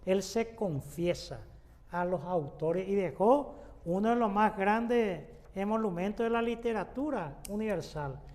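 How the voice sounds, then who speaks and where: A man teaches a Bible study as a pastor. His voice sits high for a man, and he explains at an unhurried pace, pausing on fillers and restarting phrases. A long reverb trails each sentence. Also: animated, a little mellow.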